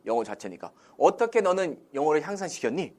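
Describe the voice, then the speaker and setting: Animated Korean English-teacher man. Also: on the high side, fast. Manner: drills students with call-and-response questions; acts out Korean example sentences in a lively voice. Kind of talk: classroom-style language lesson.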